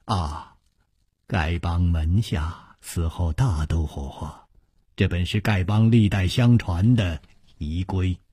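A man voicing an eager young man in a told story, cutting in with hurried speech. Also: deep voice, mellow, slightly rough, dry recording, clean studio sound, voice pushed down, heavily acted. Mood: urging. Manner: hurried, interjecting.

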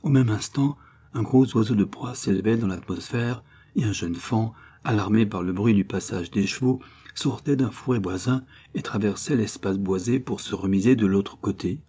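A man reading a classic adventure novel aloud as narrator, in a measured literary style. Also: on the low side, dark tone, slightly rough. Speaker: audiobook narrator. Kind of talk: scripted narration.

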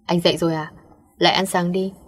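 Teary young student girl, woman reading her, husky lowish voice, insistent. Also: little pitch movement, quick pace, soft background music, lightly acted. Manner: insistent, pleading. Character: young female student, tearful but guarded.

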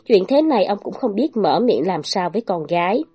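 A woman narrates a dramatic old-time tale in a steady, measured storytelling voice at a middle pitch. Soft guitar music plays faintly underneath. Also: slightly rough, muffled recording.

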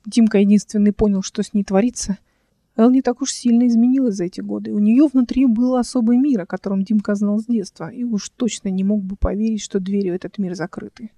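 An audiobook reader giving an even, measured narration of a novel. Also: mid-range voice, dry recording. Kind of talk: scripted narration.

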